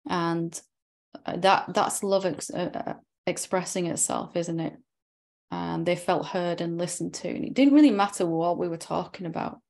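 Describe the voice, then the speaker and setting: Woman, spiritual teacher, satsang dialogue, gravelly texture, lowish pitch, gently probing. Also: moderate pace. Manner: reflective, gently probing, ends points with tag questions.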